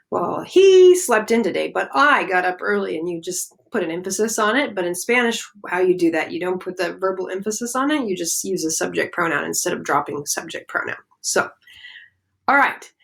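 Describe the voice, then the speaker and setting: Gravelly-voiced woman teaching a class. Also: medium pitch. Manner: many fillers, explains step by step. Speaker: Spanish teacher. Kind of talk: classroom lecture.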